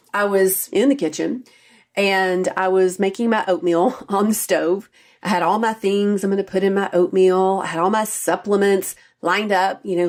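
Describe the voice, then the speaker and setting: A middle-aged woman hosting a solo podcast as a health coach, talking in an earnest, personal, confiding way. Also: medium pitch. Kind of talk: solo faith-based podcast talk.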